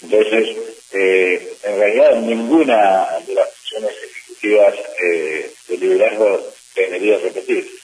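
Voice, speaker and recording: A middle-aged man, a district governor of a service club, answering press questions in a measured way with frequent hesitations. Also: low voice, a little mellow. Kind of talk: press interview. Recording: distant mic with faint hiss.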